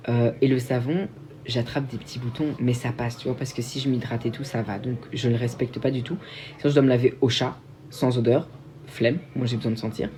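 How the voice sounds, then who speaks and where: A man's voice: medium pitch, fairly even intonation, brisk, dark tone, a little hiss or hum. A young man from Belgium, hosting a casual livestream and answering viewer questions in a chatty, self-mocking way with frequent restarts. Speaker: livestream host.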